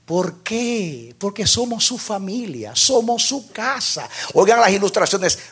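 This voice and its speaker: Gravelly high-voiced preacher. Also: male voice, sing-song, unhurried. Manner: impassioned preaching with shouted peaks. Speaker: pastor. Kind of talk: sermon.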